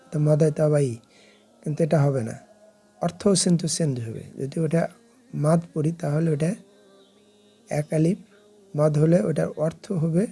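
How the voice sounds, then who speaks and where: A man teaching a recitation lesson at an unhurried, drawn-out pace, his voice mellow and soft-edged with a husky grain. He works through rules deliberately and says each example word over slowly as a drill. Faint music sits low behind him.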